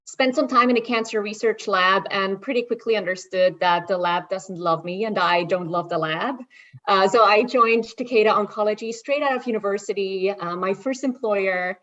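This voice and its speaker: A woman's voice: mid-range voice, fairly bright tone. Swiss-raised woman investor, bubbly, kinda dull lo-fi call audio. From Switzerland. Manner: upbeat, brisk, enthusiastic. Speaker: venture investor, panelist. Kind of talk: panel self-introduction. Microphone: video call.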